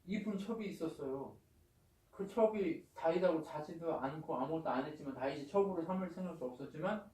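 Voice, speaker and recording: A man's voice: on the high side, warm tone. A man preaching a sermon as pastor. He keeps asking the congregation questions and answering them himself, and retells Paul's words in blunt casual speech. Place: church sanctuary. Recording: roomy, from a distance.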